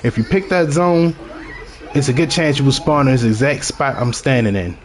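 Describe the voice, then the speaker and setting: A man's voice: mid-range voice, normal speed, a little hiss or hum. A man from Baltimore with a strong local accent, chatting casually to viewers as he narrates his own video game session in a rambling way. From Baltimore, Maryland. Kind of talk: casual gameplay commentary.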